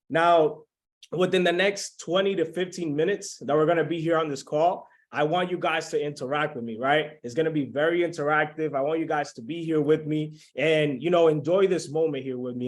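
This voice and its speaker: A man in his twenties from the Dominican Republic, hosting a motivational webinar over a video call and keeping the audience engaged. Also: on the high side. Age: 20s. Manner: hyped, keeps checking in with the audience. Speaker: webinar host.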